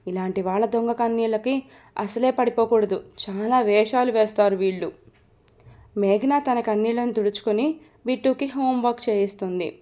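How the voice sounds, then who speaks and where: A woman narrating a romantic story, reading in a steady, expressive way. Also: a little high, normal speed.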